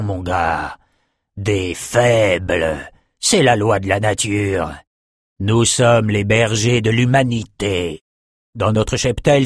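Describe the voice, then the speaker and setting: A man voicing a ruthless, arrogant male slaver captain who speaks slowly with contempt in a storybook. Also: lowish voice, dry recording, studio quality.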